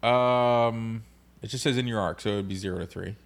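A man's voice: on the low side, steady tone, a little fast, creaky. A man co-hosting a podcast, steadily explaining tabletop game card rules in casual chat. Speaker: podcast co-host.

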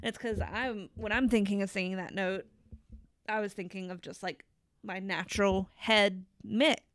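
A woman's voice: medium pitch, fairly even intonation, normal speed, fairly bright tone, no echo. A woman chatting casually on a podcast about singing, using "like" and "you know" often. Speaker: podcast co-host, singer. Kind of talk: casual conversation.

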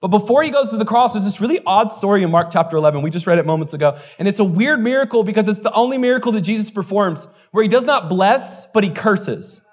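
Here the pastor's voice sits high and sounds animated, running at a quick pace with few pauses on lo-fi audio. Preaching to his church, he talks candidly and casually, teasing himself and leaning heavily on the filler "like."

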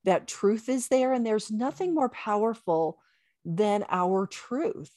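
A woman's voice: medium pitch, lively intonation, takes it slowly, mellow, no echo, clean studio sound. A woman talking casually as a guest in a conversational interview, with an emphatic, affirming way of speaking. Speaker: podcast guest.

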